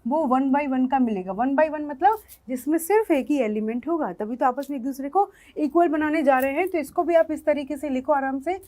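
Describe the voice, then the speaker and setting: High-voiced woman teaching maths. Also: fairly quick, warm tone. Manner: explains step by step, asks the class questions. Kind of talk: online maths lesson.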